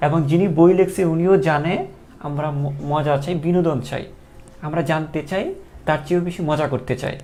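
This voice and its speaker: A man's voice: a little high, steady tone, a little fast, dark tone, slight background noise. A man teaching a biology class live online, chatty, asking questions and answering them himself.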